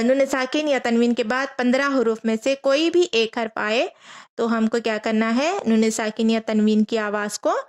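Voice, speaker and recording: A woman teaching a Quran reading lesson, patiently repeating each rule, asking her students questions and slowly spelling out letters. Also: on the high side. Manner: patient, repeats rules and asks rhetorical questions.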